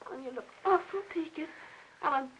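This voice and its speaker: An actress playing a fussy, chattering older aunt who rambles and pries in a 1950s film. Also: female voice, high voice, brisk, a bit bright, a little hiss or hum, low-quality recording. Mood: fussing chatter. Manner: rambling, prying, fussing talk.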